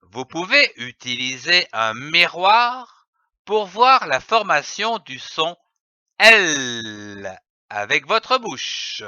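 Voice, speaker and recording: A man teaching children to read, slowly sounding out letters and syllables in a phonics lesson. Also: fairly high pitch, big pitch swings, pushed and bright, no room sound, lo-fi sound. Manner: slow, carefully spelled-out syllables. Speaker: reading teacher.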